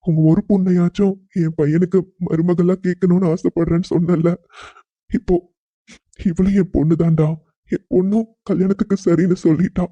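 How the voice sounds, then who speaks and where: A man's voice: high voice, dark tone, no echo, muffled recording. A humble pleading father. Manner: pleading, apologetic. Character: humble middle-aged father arranging his daughter's marriage. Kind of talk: cartoon voice acting.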